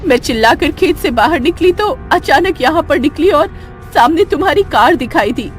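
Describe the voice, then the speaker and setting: A woman's voice: high-pitched, animated, normal speed, soft background music. A woman voicing a ghost posing as a pleading old mother. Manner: pleading, loud and tearful. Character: shape-shifting spirit disguised as an old mother.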